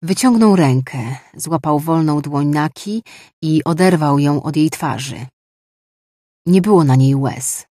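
An audiobook narrator reading fiction in an even, measured way. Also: medium pitch, no echo, clean studio sound. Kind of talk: scripted narration.

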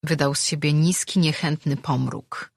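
Woman, audiobook narrator, low voice, husky, measured, dry close recording. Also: fairly even intonation, no echo. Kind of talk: audiobook reading.

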